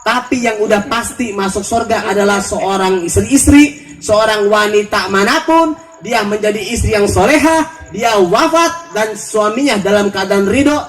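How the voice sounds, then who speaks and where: A man preaching a humorous sermon to a congregation, quizzing the crowd with repeated questions and mimicking people in quick asides. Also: high voice, far from the mic, soft background music. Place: outdoor park gathering.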